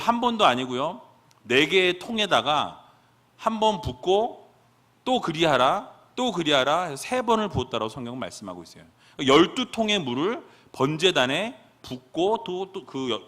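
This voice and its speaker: Animated male preacher, bright tone. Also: fairly high pitch, moderate pace. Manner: rhetorical questions to the congregation. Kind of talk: sermon.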